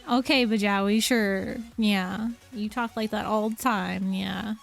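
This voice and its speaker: A woman's voice: medium pitch, fairly even intonation, slow pace, creaky, soft background music. Give me a young woman reading a book on stream, tagging "yeah" on every line. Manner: adds "yeah" after nearly every sentence, giggly asides. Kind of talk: reading a novel aloud on stream.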